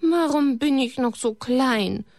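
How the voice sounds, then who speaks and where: A woman's voice: high voice, takes it slowly, a little mellow, no room sound, studio quality, pitched above the performer's own voice. A woman voicing a small, earnest, pious boy who pleads in simple prayer, in a storybook reading. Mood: plaintive. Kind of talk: storybook character voice.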